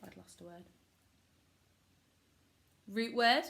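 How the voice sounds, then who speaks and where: A woman's voice: a little high, slow pace, vocal fry, fairly bright tone. A woman teaching a children's phonics lesson, giving short prompts, modelling words syllable by syllable and praising often. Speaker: primary school teacher.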